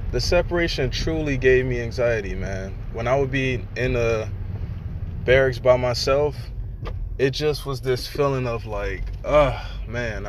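A man in his late twenties talking candidly and at length in a casual personal podcast monologue, recorded in a car. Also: on the low side. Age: 20s. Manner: candid, rambling, conversational. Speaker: podcast host. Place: in a car during rain. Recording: rain and car noise behind.

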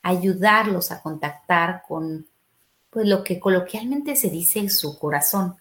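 On a podcast, a middle-aged family therapist offers explanatory parenting advice, raising her voice to act out questions a parent or child might ask. Her voice is lowish and fairly bright in tone, with lively intonation and an unhurried pace.

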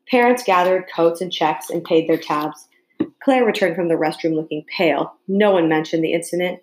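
Low-voiced woman narrating an audiobook. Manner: calm, measured first-person narration. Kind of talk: audiobook reading. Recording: echoey room.

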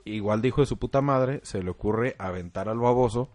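Mexican male co-host, deep-ish, crude storyteller, dry studio sound. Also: a little fast, darkish tone, no room sound, faint music behind. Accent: Mexican Spanish. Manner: profane, joking, storytelling. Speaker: podcast co-host. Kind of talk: casual crude banter.

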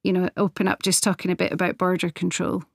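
A woman hosting a podcast, speaking in a measured, earnest way as she introduces guests and asks questions, with occasional self-corrections. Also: lowish voice, little pitch movement, gravelly, breathy edge, no room sound, clean studio sound. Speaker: podcast host. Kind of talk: scripted podcast introduction and interviewing.

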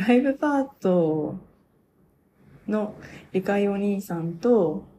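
Gushing young woman fan, mellow voice. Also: medium pitch, slow, slight background noise. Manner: excited, gushing fan chatter with frequent laughs. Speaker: podcaster. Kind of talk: fan review radio talk.

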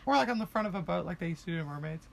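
A woman's voice: lowish voice, lively intonation, racing, gravelly, a little hiss or hum. A young woman, co-hosting a casual podcast chat, rambling and swearing freely. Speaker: podcast co-host.

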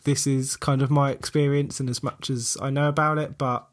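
A man's voice: medium pitch, little pitch movement, normal speed. A man with a southern English accent, hosting a podcast in a casual, reflective and self-deprecating way. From Portsmouth, south coast of England. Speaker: podcast host. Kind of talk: casual chat.

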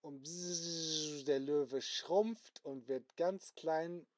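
A man improvising a bedtime story for children, gently and slowly, with sound effects along the way. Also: a little high, no room sound.

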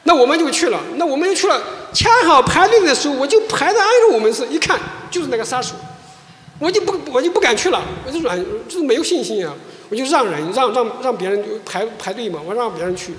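A male pastor, sharing an animated personal testimony in a sermon, often restarting his sentences. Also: very high-pitched, fast, a little hiss or hum. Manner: animated storytelling, frequent restarts. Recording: echoey church hall.

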